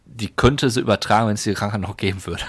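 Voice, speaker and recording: A man's voice: on the low side, steady tone, quick pace, slightly rough. A man co-hosting a podcast, chatting casually and explaining facts, sometimes stumbling over words. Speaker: podcast co-host. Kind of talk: casual chat.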